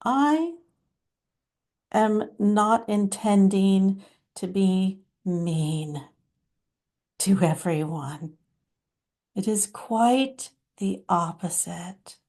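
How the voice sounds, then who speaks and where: A woman channeling a compassionate, motherly female divine spirit who speaks slowly and soothingly to listeners as her children. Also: mid-range voice, dark tone.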